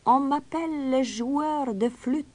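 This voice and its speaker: A woman voicing a calm, mysterious young male stranger, a piper, in a storybook reading. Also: sits high, slow, pitched above the performer's own voice. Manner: calm, quiet, raised voice.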